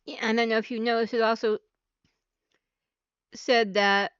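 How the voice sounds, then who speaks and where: Woman, stream host, casual reaction chat, slow pace, somewhat high voice, dull lo-fi mic. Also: level tone, fairly bright tone, clean tone, dry recording. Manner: chatty, reacts aloud, fiddles with mic levels.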